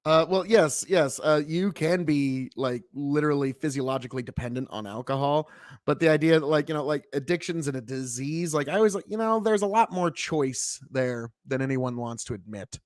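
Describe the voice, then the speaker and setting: A man with a slightly high voice, recorded dry and close. He banters casually with a panel and likes to slip into playful, theatrical asides. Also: lively intonation, moderate pace, no echo.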